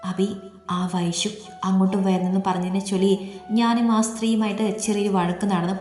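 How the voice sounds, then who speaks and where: A woman voicing a distressed young wife who tells her trouble haltingly and tearfully, read as story dialogue. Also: mid-range voice, little pitch movement, close to an everyday voice. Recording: echoey room, long reverb, soft music.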